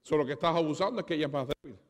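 Male pastor, fairly high voice, dramatic sermon delivery, long hall reverb. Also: racing. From Spanish heritage. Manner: dramatic, acts out dialogue, swings between loud and soft.

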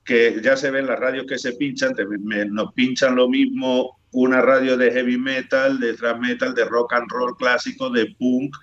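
A Spanish man talking through a muffled, lo-fi connection, his pitch sitting in a plain middle range. He chats casually as a guest, telling stories with lots of restarts and repeated words. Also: moderate pace, hardly any pauses. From El Bierzo, Spain. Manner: animated storytelling, frequent restarts. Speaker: guitarist of a rock band, guest. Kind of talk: casual interview chat.

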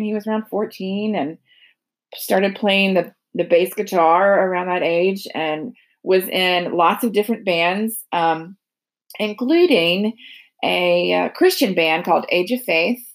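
A middle-aged woman giving a casual, halting podcast introduction, thinking aloud as she goes. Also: mid-range voice. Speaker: podcast host. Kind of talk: casual spoken introduction of a guest.

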